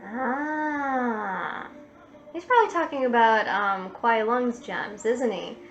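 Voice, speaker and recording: A woman playing a tabletop game, chatty and thinking her plans out loud. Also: fairly high pitch, animated, normal speed, muffled recording. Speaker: player.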